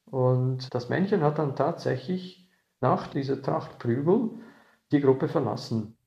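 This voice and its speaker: Man, interviewed researcher, explanatory talk, creaky voice, roomy echoing sound. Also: medium pitch, a little slow, dark tone, highs cut off. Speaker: animal researcher being interviewed.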